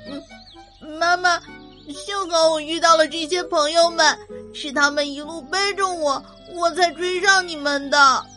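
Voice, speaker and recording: A woman's voice: very high-pitched, steady tone, a little slow, sharp tone, soft background music, voice pushed up, exaggerated voice. A woman voicing a small, timid rooster chick who whimpers and sobs in a children's story. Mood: grateful.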